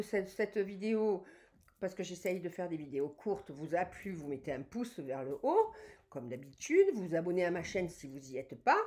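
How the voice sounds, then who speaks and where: A woman's voice: medium pitch, a little mellow. Woman teaching tapping points, step by step. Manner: explains step by step, counts and repeats phrases while demonstrating. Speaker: EFT practitioner teaching on her channel. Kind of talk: tutorial demonstrating tapping points.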